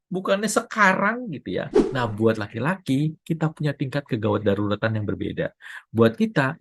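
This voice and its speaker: A man's voice: medium pitch, dry recording. A man who is a parenting coach, talking casually and acting out quoted spouses with a raised voice. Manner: animated, acts out quoted wives with a raised voice. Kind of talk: casual talk to camera.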